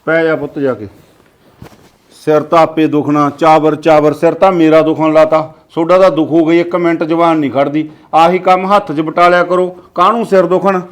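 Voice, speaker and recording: An older man playing a tired father-in-law who tries to calm his bickering daughters-in-law in a home comedy sketch. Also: fairly high pitch, moderate pace, close to an everyday voice. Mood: grumbling. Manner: weary, placating, grumbling. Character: weary old father-in-law, tired peacemaker. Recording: echoey, distant, faint background noise.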